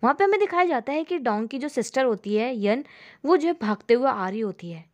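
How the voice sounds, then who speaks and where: A woman narrating a drama plot as a storyteller, retelling scene after scene in a steady flow. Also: a little high, a little fast, lo-fi sound. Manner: steady retelling, leans on the filler "जो है".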